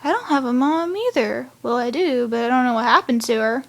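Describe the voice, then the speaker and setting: A woman's voice: sits high, lively intonation, fairly quick, gravelly, a bit bright, heavily acted. A woman quoting a kind, puzzled boy hero from a cartoon in her own voice. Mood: wistful.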